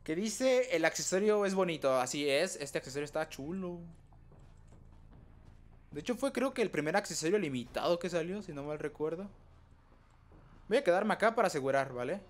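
A young man doing live gameplay commentary, excitable, trash-talking opponents and letting out sudden high yelps. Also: brisk, long pauses. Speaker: gaming streamer.

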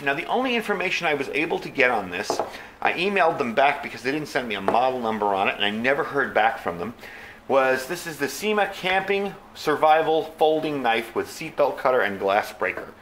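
A man's voice: medium pitch, a bit bright, a little hiss or hum. A man casually reviewing folding knives in an easygoing, plainspoken way, with frequent fillers. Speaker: knife reviewer.

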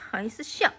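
Woman, mother scolding a toddler, from anhui, baby-talk repetition, fairly high voice. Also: bright, forceful tone. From Anhui, China. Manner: scolding, repeats baby words. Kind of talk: casual home scolding.

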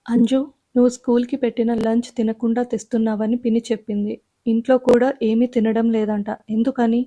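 A woman storyteller voicing a worried widowed father who is gentle but evasive with his daughter, speaking in her own voice. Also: a little high, little pitch movement, fairly quick, lightly acted. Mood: stern. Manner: coaxing, then turns stern.

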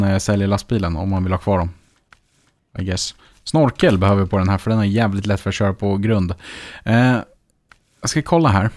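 Swedish gamer dude thinking out loud while he plays, kinda low voice, dry sound. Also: dry recording. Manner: chatty, thinks aloud, mutters to himself. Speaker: gaming YouTuber. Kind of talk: casual let's-play commentary.

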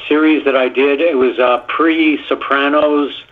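A Canadian guest actor tells stories in a rambling, filler-heavy way during a casual phone-in interview. His voice is a little high, steady and unhurried. The phone line sounds tinny.

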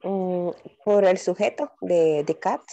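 A woman's voice: lowish voice, slow, warm tone, muffled recording. A woman student in an online class, reading and answering with hesitation.

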